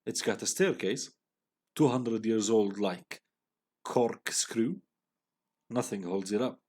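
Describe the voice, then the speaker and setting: A man reading aloud the lines of a quiet, intense teenage boy, in a flat and brooding way. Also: lowish voice, slow pace, breathy edge.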